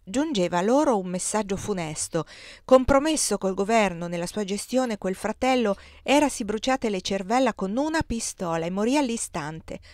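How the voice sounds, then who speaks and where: A woman's voice: medium pitch, dry recording, clean studio sound. Woman reading an old memoir aloud. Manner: expressive, measured storytelling. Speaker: reader.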